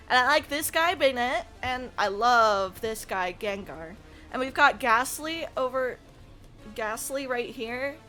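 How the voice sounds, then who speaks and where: A high-voiced woman streamer with a playful gamer-girl way of talking. She is excitable and casual with her viewers and takes her time over her words, with music playing behind her. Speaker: livestreamer, host. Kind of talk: casual chat with livestream viewers.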